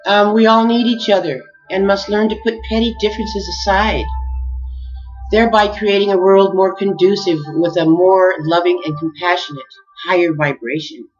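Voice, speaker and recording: A woman giving an earnest, heartfelt spiritual message, measured and addressing her listeners warmly as beloveds. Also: medium pitch. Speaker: spiritual speaker. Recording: dull lo-fi recording with faint music.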